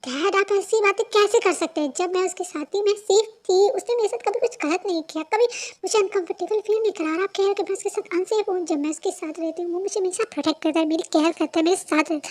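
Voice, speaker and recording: A stubborn young woman in love, voiced by a reader putting her on, in a homemade spoken fan story. The voice sits very high and insistent. She begs, argues and refuses to back down. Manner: pleading then shouting.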